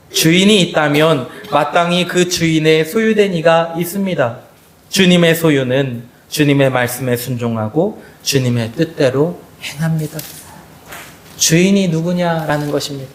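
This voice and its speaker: Impassioned preacher in an echoey church. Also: male voice, moderate pace, slight background noise. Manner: impassioned preaching, swings high and low, acts out quoted voices; addresses the congregation directly. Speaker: pastor. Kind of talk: Sunday sermon. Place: church sanctuary.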